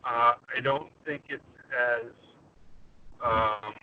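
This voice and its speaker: A man's voice: mid-range voice, fairly even intonation, takes it slowly. A man in casual chat over a remote call whose stream keeps breaking up and turning garbled, talking in a hesitant, easygoing way. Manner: easygoing, hesitant, trails off into fillers. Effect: garbled, choppy stream that keeps cutting out. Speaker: podcast guest on a remote call. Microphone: phone or laptop on a mobile connection. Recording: dull lo-fi remote connection.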